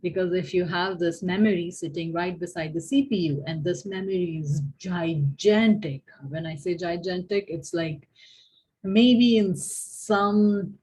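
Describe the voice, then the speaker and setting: A woman's voice: lowish voice, darkish tone, slightly rough, poor audio. A woman professor giving a university lecture, asking her listeners questions and often restarting her phrases.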